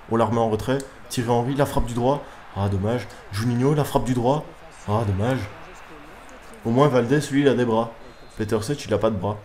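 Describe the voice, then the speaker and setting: A young man commentates his own football video game match live, excitable and quick to swear at his players. His voice sits low, with a faint hum of room noise underneath. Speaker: gaming YouTuber. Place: room at home at night.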